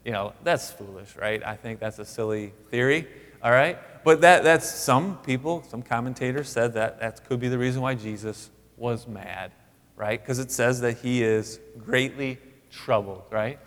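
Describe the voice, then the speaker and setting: A man preaching a sermon in a conversational way, with frequent rhetorical questions and sudden rises in pitch for emphasis. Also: normal speed, big-room sound. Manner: conversational, animated, rising emphatic asides. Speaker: pastor.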